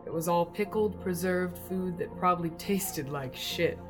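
A man voicing a blunt, weary old great-uncle who talks slowly and grimly, over soft music. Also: high-pitched, voice pushed up. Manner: blunt, slow and grim.

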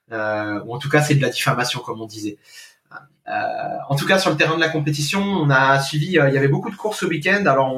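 A man's voice: mid-range voice, a bit bright, reverberant. A man co-hosting a podcast, teasing and joking in casual banter. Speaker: podcast co-host.

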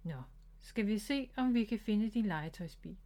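A woman voicing a patient, gentle mother rabbit teaching her son, in a storybook read-aloud. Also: medium pitch, expressive, close to an everyday voice.

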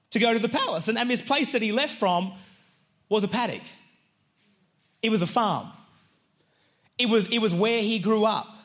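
Lead pastor, male, high-pitched, lively and joking with the congregation in a church. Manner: energetic, joking and conversational with the congregation. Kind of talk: sermon. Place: church hall with live congregation.

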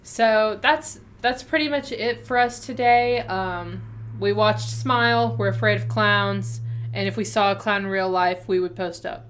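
A woman's voice: mid-range voice, measured pace, a bit bright, a little hiss or hum. A woman co-hosting a podcast in casual, playful, rambling chat. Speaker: podcast co-host.

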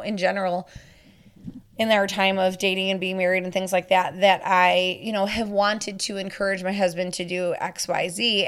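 A woman's voice: mid-range voice, fairly bright tone. A woman in her thirties hosting a podcast, answering listener questions in a chatty, self-deprecating way with lots of asides. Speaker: podcast host. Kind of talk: casual podcast Q&A.

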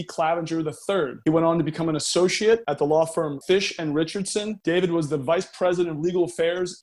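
A man hosting a podcast, reading a formal guest introduction in a measured way, then leading the interview. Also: fairly high pitch, darkish tone. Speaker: podcast host.

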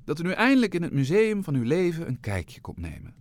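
A man voicing fawning museum staff in a storybook reading, with a high, sugary, effusive delivery. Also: huge pitch swings, fairly quick, dry recording. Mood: gushing. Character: gushing, overly welcoming museum staff.

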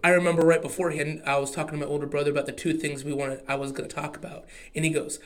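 A man's voice: fairly high pitch, flat delivery, very fast, fairly bright tone. A young man with an Oklahoma accent, chatting casually and candidly as a podcast co-host.

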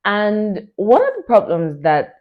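A woman in her late twenties hosting a solo podcast, talking in an excited, chatty way full of "like" and "you know". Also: medium pitch, slow pace. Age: 20s. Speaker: podcast host. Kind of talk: casual solo podcast talk. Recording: dull lo-fi recording.

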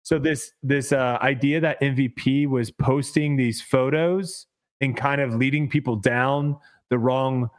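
A man's voice: medium pitch, fairly even intonation, measured pace. A man hosting a podcast, reading a sponsor ad and then chatting loosely, repeating words as he goes. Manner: rambling, repeats words, laughs easily. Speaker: podcast host. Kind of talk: casual podcast chat with ad read.

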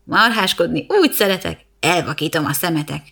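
A woman's voice: on the low side, expressive, vocal fry, pushed and bright, husky, exaggerated voice. A woman voicing a lazy, cocky young cat apprentice who boasts and mocks in silly rhymes. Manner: mocking, silly, boastful rhyming.

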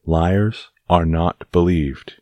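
A man hosting and narrating a bedtime story podcast in a slow, soothing, deliberate way. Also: low-pitched, dark tone, no echo.

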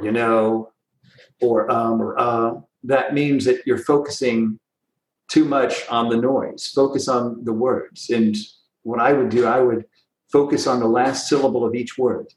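A man speaking as a guest on an interview podcast, telling stories with lively emphasis. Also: mid-range voice, measured pace, roomy sound, low-quality recording. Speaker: recruiting guest.

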